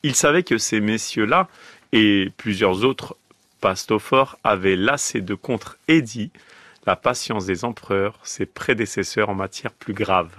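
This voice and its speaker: Slow, low-voiced man dictating a text. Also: fairly bright tone, no room sound. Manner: dictates word by word, calling out punctuation and repeating phrases. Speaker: dictation reader. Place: radio studio.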